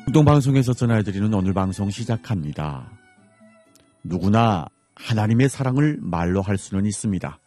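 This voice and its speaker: Low, husky North Korean man hosting radio. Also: lively intonation, dark tone. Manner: formal, earnest, measured preaching delivery. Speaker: radio host and missionary. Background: music.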